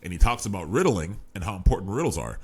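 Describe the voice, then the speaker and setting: Podcast host, male, very low voice, loose rambling recap style. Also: big pitch swings, quick pace, a little mellow, husky. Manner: rambling, lots of fillers and restarts. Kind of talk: casual book discussion.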